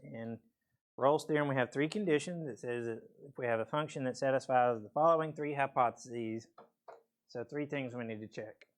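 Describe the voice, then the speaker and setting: Male math teacher in a classroom, mid-pitched, casual and patient, voice slightly worn, checks in with okays. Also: normal speed. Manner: casual, explains step by step with frequent okays. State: voice weak from weather, peppermint in mouth. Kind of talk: classroom lecture.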